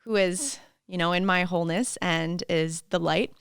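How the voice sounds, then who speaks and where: A young adult woman chatting as a podcast guest, telling lively stories and acting out the voices of others. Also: fairly low pitch, moderate pace, clean tone, no echo, clean studio sound. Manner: lively storytelling, acts out quoted voices, laughs often. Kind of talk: casual interview chat.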